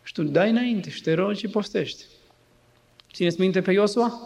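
A man's voice: sits high, gravelly, darkish tone. A male pastor preaching an emphatic, dramatic sermon in a church. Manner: emphatic, dramatizing with acted voices.

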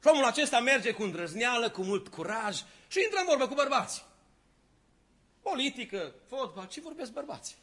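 A man's voice: very high-pitched, very animated, a bit bright, breathy edge. A male preacher telling a story dramatically and rising to fervent exhortation. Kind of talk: sermon.

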